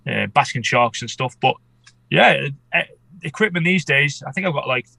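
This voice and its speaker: A man's voice: medium pitch, animated, moderate pace, creaky, bright, forceful tone, no room sound. A man chatting casually as an interview guest, congested with a head cold so he sounds underwater. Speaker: podcast guest, amateur shark expedition filmmaker.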